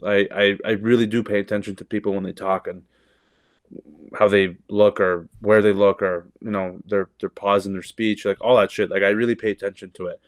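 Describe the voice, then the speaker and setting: Low-voiced comedian, loose and casual. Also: male voice, little pitch movement, brisk, dry recording, clean studio sound. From Canada. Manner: loose, profane, lots of fillers and restarts. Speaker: comedian guest. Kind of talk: casual podcast chat.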